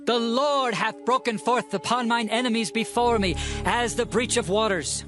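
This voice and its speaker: A man's voice: very high voice, moderate pace, over music. An actor playing an impassioned ancient warrior king in a dramatized scripture reading, declamatory and earnest. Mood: exultant.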